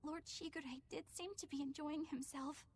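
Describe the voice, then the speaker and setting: An actress playing an earnest, dutiful young exorcist in a video game, speaking sincerely and with feeling. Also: female voice, high-pitched, fairly even intonation, moderate pace, a little hiss or hum.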